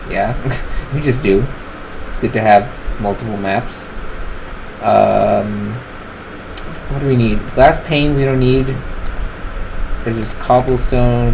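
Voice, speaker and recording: A twenties gaming channel host chats casually over his game in a medium-pitched male voice, with background noise behind him. He rambles, relaxed and full of fillers, while deciding what to craft.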